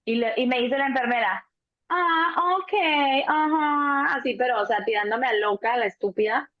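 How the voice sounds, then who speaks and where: Mexicana de unos treinta, platica animada y mal hablada, voz algo aguda, audio medio apagado. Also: female voice, a little high, fast talker. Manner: animated storyteller, acts out voices, swears casually. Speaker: doula, co-host. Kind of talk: casual conversation. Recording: dull lo-fi sound.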